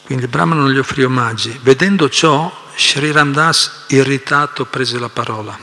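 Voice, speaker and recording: A man reads and explains scripture to a devotional class, animated, with many asides. His voice is bright, sharp and gravelly. Long reverb trails off in the hall. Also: medium pitch, normal speed. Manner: animated storytelling with frequent asides and repetitions.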